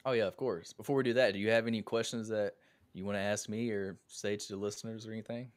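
A man's voice: on the low side, fairly even intonation, quick pace, no echo. A man hosting a podcast interview, talking in an earnest, conversational way about his own habits. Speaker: podcast host.

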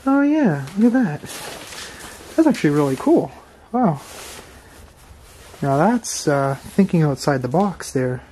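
A man hosting an exploring vlog, walking through an abandoned farmhouse and reacting with excited, wondering remarks into his camera mic. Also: on the high side, a little slow, pauses often, slight background noise. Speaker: urban explorer host. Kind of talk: walkthrough vlog narration. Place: abandoned stone farmhouse, indoors.

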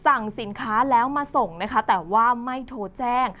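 A woman's voice: a little high, steady tone, a little fast. A woman presenting the news in a conversational reading style, with frequent polite particles. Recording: slightly dull recording with faint music behind.

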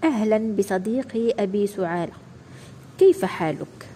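A woman's voice: mid-range voice, animated, moderate pace, mellow, long reverb tail, a little hiss or hum, close to an everyday voice. Woman voicing a greedy, starving wolf. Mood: mournful. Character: hungry greedy male wolf, boastful and eager.

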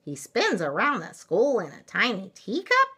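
A woman voicing an excitable, playful young kitten boy in a storybook, with theatrical exclamations. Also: on the low side, moderate pace, breathy edge, voice pushed up, full character voice. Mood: surprised, confident. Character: excitable young Siamese kitten boy playing a chihuahua hero.

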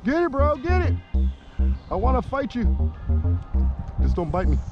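A young man giving excited running commentary while fishing from a kayak outdoors, recorded on an action camera. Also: very high voice, measured pace, dull audio. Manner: excitable, exclaiming, talks to viewers. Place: kayak on open shallow water outdoors. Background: music.

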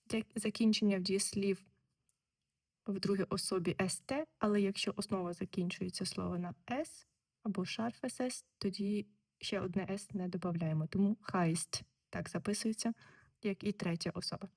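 A woman teaching German, explaining textbook exercises slowly and repeating each word. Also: mid-range voice, steady tone, a little mellow. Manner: slow, deliberate, repeats words.

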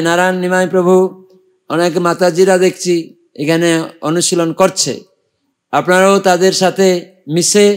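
Monk preacher, male, high pitch; long drawn-out chants, direct pleading to the audience. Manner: urges and invites listeners directly. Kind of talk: devotional sermon with chanting.

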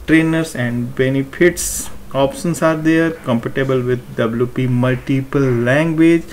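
Man explaining a website theme setup. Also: mid-range voice. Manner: explanatory, step-by-step, repetitive phrasing. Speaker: WordPress tutorial presenter. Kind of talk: screen-recorded tutorial walkthrough.

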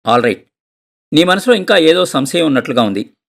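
A man's voice: a little high, animated, fairly quick, gravelly, a bit bright, voice pushed up, heavily acted. A man voicing a stern, practical middle-aged husband who lectures and insists in a storybook reading. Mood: insistent. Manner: insistent, scolding.

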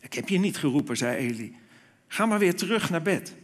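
A man preacher voicing an old, nearly blind priest who speaks calmly and reassuringly. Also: fairly high pitch, fairly quick, in a large hall. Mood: gentle. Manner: calm, reassuring.

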